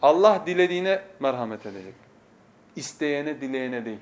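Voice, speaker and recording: A man preaching from a pulpit microphone, teaching with passion and moving from hushed tones to emphatic oaths, with quick scriptural recitation. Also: mid-range voice, lively intonation. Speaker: preacher teaching a lesson series. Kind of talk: sermon lecture.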